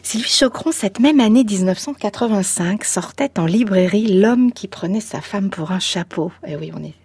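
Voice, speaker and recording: A woman hosting a radio interview, chatty and relaxed, with fillers. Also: mid-range voice, normal speed, slightly rough, no echo. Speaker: radio host.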